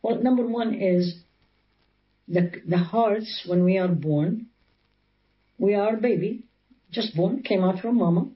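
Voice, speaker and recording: A woman's voice: medium pitch, a little slow, pauses often, lo-fi sound. Arabic-accented woman teaching religion. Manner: explains with rhetorical questions, quotes scripture in Arabic. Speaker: Islamic teacher. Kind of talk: religious interview talk.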